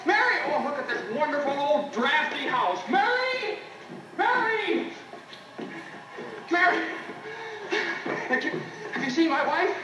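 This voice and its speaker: An actor playing a desperate husband and father who turns overjoyed, shouting and laughing in an old film scene. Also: extremely high pitch, expressive, normal speed, pauses often, heavy background noise. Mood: elated. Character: frantic middle-aged husband and father, overjoyed. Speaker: desperate family man. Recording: old film soundtrack, echoey, distant, music.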